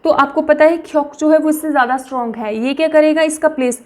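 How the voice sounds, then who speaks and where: A young woman teaching a language lesson, repeating each word slowly for practice. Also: high voice, fairly even intonation. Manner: slow, repeats words for practice.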